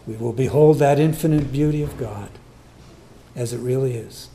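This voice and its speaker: A male pastor preaching a sermon, repeating phrases for emphasis and swinging between loud stresses and hushed near-whispers. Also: mid-range voice, moderate pace, creaky, slight background noise.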